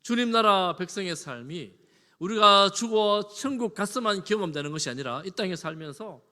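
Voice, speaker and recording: A man preaching a sermon as pastor, his fairly high voice bright and ringing. His delivery is animated, rising to loud emphasis and then dropping to a chatty, homely tone. The church hall carries a long reverb. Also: moderate pace. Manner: animated preaching, swinging between loud emphasis and soft asides; conversational, with homely examples and chuckles. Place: church sanctuary.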